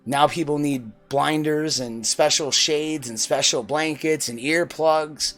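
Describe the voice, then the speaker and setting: A man in his forties lectures bluntly, swearing freely as he drives his point home. His voice sits a little high for a man. Faint music plays softly under him. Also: steady tone, slow pace. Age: 40s. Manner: blunt, profane, preachy. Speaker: vlogger. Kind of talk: opinionated monologue.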